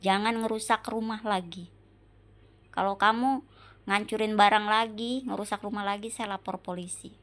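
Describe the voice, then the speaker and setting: A woman in an emotional monologue to her husband, slow and repetitive, pleading with rhetorical questions. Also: medium pitch, steady tone. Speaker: wife venting on camera.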